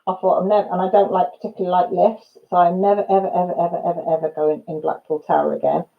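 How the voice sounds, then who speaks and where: A fifty-something Welsh channel host talks rapid-fire in a lowish, level, creaky voice over narrow, tinny audio. She chats casually with viewers by name and laughs as she tells her stories.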